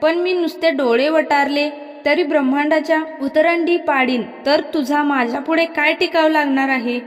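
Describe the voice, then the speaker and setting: A woman's voice: sits high, fairly even intonation, normal speed, close to an everyday voice. A woman reading the lines of a furious goddess who scolds and insults a yogi, with long hall reverb. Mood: angry scolding. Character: weary then furious goddess Kalika, scornful.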